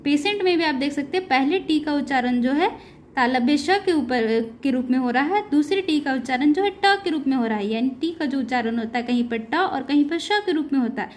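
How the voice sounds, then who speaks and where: A woman teaching a beginner English pronunciation lesson, addressing viewers as her dear children and drawing out each example word slowly. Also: sits high, lively intonation. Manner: slow, drawn-out word-by-word explanation.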